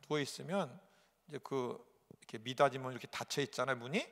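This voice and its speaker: A male pastor preaching a sermon, telling a personal story dramatically with sudden loud outbursts and repetition. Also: medium pitch, quick pace, vocal fry. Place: large church sanctuary. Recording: echoey church hall.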